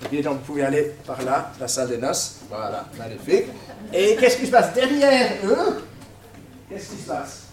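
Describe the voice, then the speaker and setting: Preacher guy, kinda high voice, lively, bossing helpers around with jokes. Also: moderate pace, slight background noise. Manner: lively, directs volunteers, light humour. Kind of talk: interactive Bible storytelling with props.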